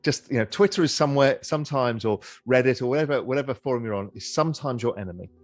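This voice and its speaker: A middle-aged man answering as an interview guest in a relaxed conversational way, with frequent repeats and restarts. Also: medium pitch, fast.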